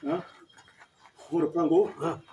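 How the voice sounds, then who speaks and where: A man's voice: a little high, big pitch swings, takes it slowly, vocal fry, warm tone, muffled recording. A man teaching combat techniques. He demonstrates with a partner, counts the moves aloud and keeps checking in with "hein?". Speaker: martial arts instructor. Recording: echoey room with faint noise.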